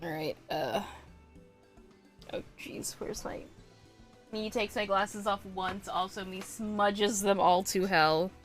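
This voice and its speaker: A woman's voice: mid-range voice, a bit bright. A young woman streamer chatting casually on a live stream, venting in frustrated, swearing rants.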